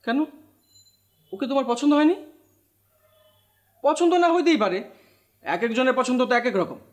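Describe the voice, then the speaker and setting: An actor playing a cheeky newly married younger brother in a TV drama, mocking and talking back. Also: male voice, very high voice, very animated, moderate pace. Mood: teasing. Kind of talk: Bangla TV drama acting.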